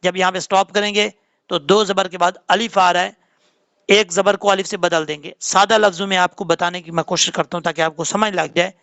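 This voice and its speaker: A man teaching Quran recitation rules in a tajweed lesson, spelling out letters and then reciting them slowly and drawn out. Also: high voice, level tone, fairly bright tone, dry recording. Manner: patient, drawn-out chanted recitation between quick explanations.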